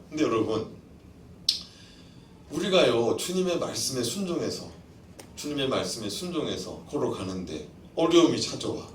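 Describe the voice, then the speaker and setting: A man preaching a sermon as pastor in a church, animated, acting out voices and questioning his congregation. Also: mid-range voice, echoey room, far from the mic, a little hiss or hum. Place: church sanctuary.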